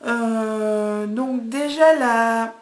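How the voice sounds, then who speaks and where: Young woman doing a makeup vlog, slow and halting, lots of ums, kinda high voice, echoey room. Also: a little hiss or hum. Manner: hesitant, many "euh" fillers. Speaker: beauty vlogger. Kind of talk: casual makeup review. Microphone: camera mic.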